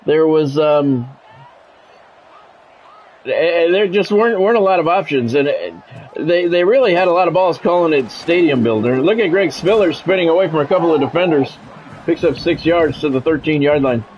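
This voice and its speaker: A middle-aged man commentates a football game live as a streamer, his practiced sportscaster delivery broken up by casual asides. He sounds expressive and a little high-pitched, speaking at normal speed. The recording is muffled with a little hiss or hum.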